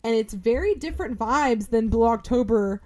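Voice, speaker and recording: A young adult woman co-hosting a podcast in casual chat, animated and exclaiming, humming tunes. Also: fairly high pitch, normal speed. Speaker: podcast co-host.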